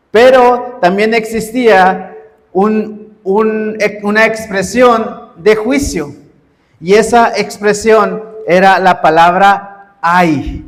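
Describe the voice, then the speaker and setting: Pastor guy preaching slow, high voice, big echoey hall. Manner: preaching with rising, emphatic repeated cries. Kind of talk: sermon.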